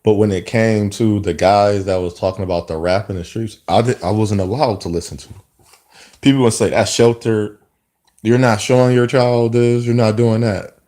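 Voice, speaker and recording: A vlogger in his mid-thirties speaks to camera in a casual, rambling monologue, reflecting as he goes and often restarting his sentences. His voice is warm and fairly low, with fairly even intonation and a normal speed.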